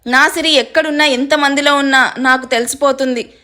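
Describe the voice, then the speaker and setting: A woman's voice: high-pitched, fairly even intonation, brisk, sharp tone. A woman voicing a playful, teasing young groom in a storybook reading. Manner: teasing, joking.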